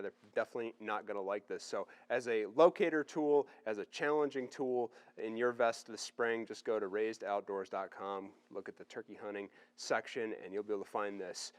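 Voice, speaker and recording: A man's voice: on the low side, a little fast, hardly any pauses. A man hosting a product review in a casual, plain-spoken, conversational way.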